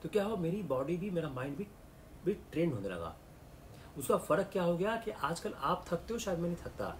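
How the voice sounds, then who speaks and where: A middle-aged man with an Indian accent, lecturing a class of exam candidates and switching into slow, careful English. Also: fairly high pitch, sing-song, slight background noise. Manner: mixes English into the talk, slow and deliberate in English. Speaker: civil services exam lecturer.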